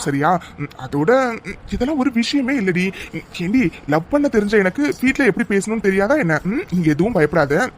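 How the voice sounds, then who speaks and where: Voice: medium pitch, slight background noise, close to an everyday voice. A performer voicing a teasing, protective young man. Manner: playful, reassuring, affectionate teasing. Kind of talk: animated cartoon story dialogue.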